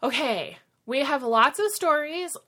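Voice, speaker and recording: A woman's voice: high-pitched, animated, a little slow, pushed and bright. A woman co-hosting a podcast in casual chat, chatty and upbeat with frequent giggles. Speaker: podcast co-host.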